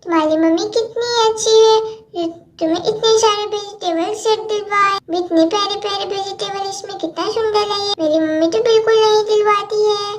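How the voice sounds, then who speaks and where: A woman's voice: very high voice, fairly even intonation, a little fast, a little hiss or hum. A woman voicing a cheeky little girl doll who teases her friend, then pleads to keep playing. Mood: pleading. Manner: teasing, pleading.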